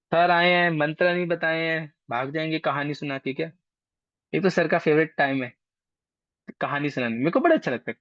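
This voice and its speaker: Over a video call, a man with a fairly high, slightly bright voice teaches an online astrology class, chatting casually while coaxing and teasing his students. The call audio is dry, dull and lo-fi, with no echo.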